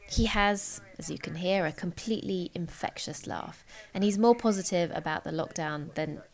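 A woman's voice: fairly low pitch, moderate pace. A woman, hosting a podcast with scripted narration and interview questions. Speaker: podcast host.

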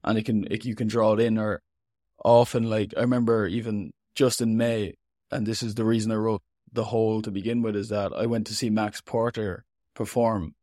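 An Irish man from Ireland, interviewed as a writer, speaks in a fairly low, level, warm voice at normal speed. His casual, reflective talk is informal, rambling and self-deprecating. The recording is dry and of studio quality.

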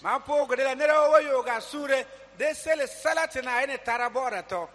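Male interpreter, high bright tone, rhythmic echoes, long hall reverb. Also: fairly quick. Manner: echoes each sentence, rhythmic. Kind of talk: live sermon interpretation.

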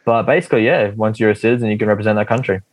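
A young man from Australia whose first language is Russian talks as a guest athlete on a casual podcast. His voice is fairly low with fairly even intonation, he speaks at a racing pace, and there's no echo. He rambles in an easygoing way, packing his chat with fillers.

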